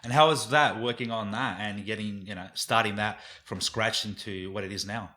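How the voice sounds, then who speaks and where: A man's voice: lowish voice, fairly even intonation, moderate pace, bright, forceful tone. A man hosting a podcast, asking short questions and giving encouraging backchannels. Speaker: podcast host. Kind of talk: casual interview chat.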